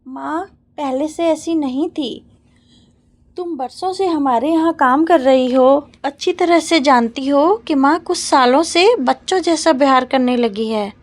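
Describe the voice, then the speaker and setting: A worried daughter from a read-aloud story, pleading with the maid and coaxing her mother. A woman voices her in a high, gentle voice. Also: unhurried. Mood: anxious. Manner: anxious, coaxing.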